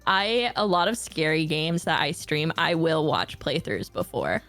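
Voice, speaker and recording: Animated, giggly woman chatting on stream. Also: deep voice, measured pace. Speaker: VTuber streamer, guest. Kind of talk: casual livestream chat. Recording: music behind the voice. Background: music.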